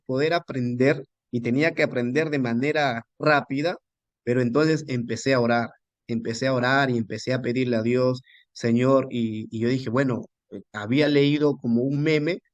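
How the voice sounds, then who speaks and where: Halting man telling a missionary testimony. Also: medium pitch, no echo. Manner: halting with many restarts, animated quoting of himself. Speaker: pastor and missionary. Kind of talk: storytelling testimony.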